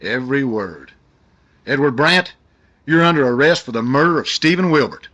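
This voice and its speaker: A man's voice: mid-range voice, normal speed, sharp tone, close to an everyday voice. A man playing a stern, scornful police officer in a radio detective drama, curt and commanding.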